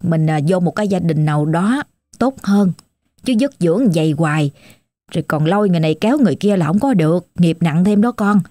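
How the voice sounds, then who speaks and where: A woman voicing an older male spirit master in a ghost story, coaxing and gentle, with a Southern Vietnamese accent. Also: fairly low pitch, lively intonation, a little fast, no echo, studio quality, pitched below the performer's own voice, close to an everyday voice. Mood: soothing.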